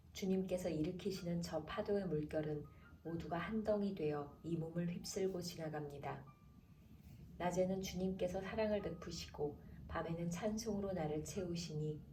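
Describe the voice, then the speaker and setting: A woman announcer reading the Bible aloud in a calm, measured way, slowing down for the chapter headings. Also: fairly low pitch. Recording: roomy echo, distant from mic, faint background noise.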